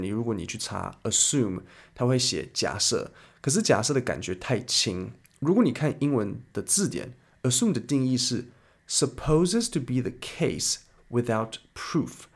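A man hosts an English lesson podcast. He explains words in a chatty, lively way. His voice sits low and has a gravelly, fry-heavy texture. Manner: lively, chatty explainer who switches into English example sentences. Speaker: English teacher and podcast host.

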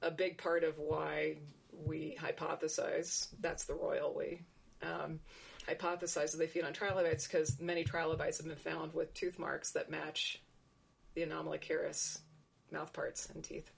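A woman's voice: low voice, little pitch movement, moderate pace, gravelly, slight background noise. A woman researcher explaining her work in conversation, thinking aloud with frequent restarts and asides.

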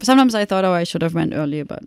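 A middle-aged woman from Germany with a German accent, her voice carrying a gravelly, creaky texture as she muses through her answers. She pauses and restarts often, picking her words with care. The sound is close and dry, with no room around it. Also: lowish voice, animated, darkish tone, no room sound. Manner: reflective, halting, many restarts. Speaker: photographer guest. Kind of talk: conversational interview.

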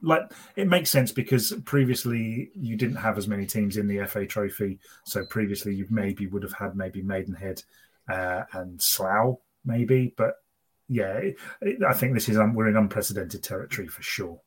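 A man chatting casually as a podcast co-host, rambling and interrupting himself, in a husky voice. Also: fairly low pitch, moderate pace. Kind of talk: casual chat.

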